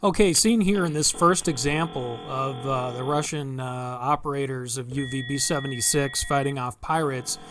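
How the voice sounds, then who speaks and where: A male video host with a mid-range voice explains things unhurriedly and haltingly, pausing often as he works through examples. Faint music plays behind him.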